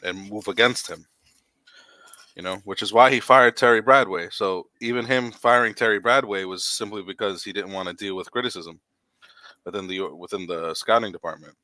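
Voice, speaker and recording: Low, bright-toned man venting opinions. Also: moderate pace, no echo. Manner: opinionated, rambling with restarts. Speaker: podcast host. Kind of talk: casual sports chat.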